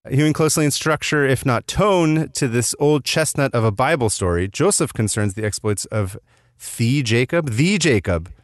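A man's voice: medium pitch, expressive, moderate pace. A man in the host's seat of a casual podcast, recorded inside a small closet at home. His mid-range voice sounds dry and close, with no room echo at all. He talks in a loose, joking way and often pokes fun at himself. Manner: joking, self-mocking. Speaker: podcast host.

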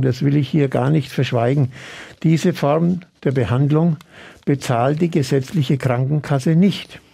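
A man with a gravelly, mellow voice explains his treatment methods in an interview. He talks earnestly and at a measured pace, his pitch sitting a little above the usual for a man. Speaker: osteopathic practitioner.

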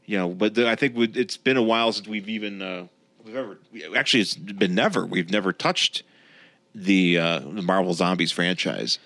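A man hosting a podcast, casually explaining comic books in a halting, rambling way. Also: low voice, a bit bright, dry recording. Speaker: podcast host.

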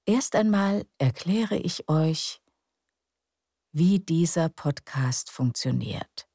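A woman narrating sleep stories for adults in a hushed, calm, soothing, breathy and creaky voice, often close to a whisper. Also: sits low, slow, dry recording. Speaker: sleep story narrator and podcast host. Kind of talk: soothing scripted bedtime story narration.

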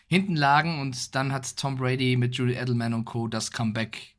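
A man's voice: mid-range voice, brisk. A man with a German accent co-hosting a casual chat podcast, asking follow-up questions and adding background for listeners. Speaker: podcast co-host.

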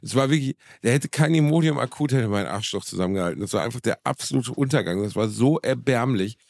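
A man in his thirties talks on a podcast with a gravelly, fry-edged voice. He pokes fun at himself with crude, exaggerated jokes. The sound is dry and close, in a middle register. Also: medium pitch, lively intonation, quick pace, a little mellow, no room sound. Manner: crude, self-mocking exaggeration. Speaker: podcast co-host. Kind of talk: casual chat.

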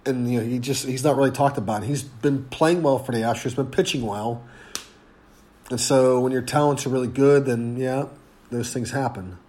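A man hosting a casual sports podcast, congested and hoarse, rambling and halting with fillers. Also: medium pitch, a little mellow. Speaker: podcast host.

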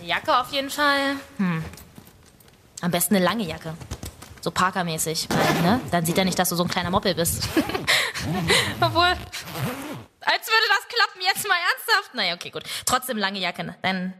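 A woman's voice: mid-range voice, very animated, moderate pace, pushed and bright, a little hiss or hum. A young woman telling a comic story about her first date, chattering nervously to herself in a self-mocking way. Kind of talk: comedic first-person story with inner monologue.

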